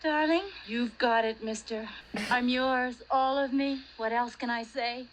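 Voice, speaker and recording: A woman's voice: on the high side, steady tone, a little slow, a little hiss or hum, close to an everyday voice, rough recording. A woman playing a vain, fussy fiancée. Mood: flirty. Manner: flirty, primly fussy.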